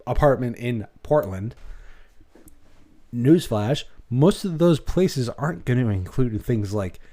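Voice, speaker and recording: A man's voice: medium pitch, animated, slow pace, mellow. A man with a Maine accent giving blunt, rambling reaction commentary as host of his channel.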